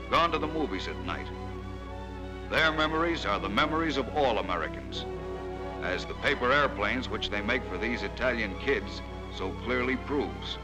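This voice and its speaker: A man giving declamatory, solemn and emphatic narration in the style of a 1940s wartime newsreel. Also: medium pitch. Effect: old newsreel narration. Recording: narration over a loud music score.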